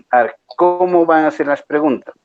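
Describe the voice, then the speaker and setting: A man's voice: a little high, moderate pace, no room sound, muffled recording, faint music behind. A male lecturer patiently explaining exam rules to a class, often checking that students follow. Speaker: university lecturer.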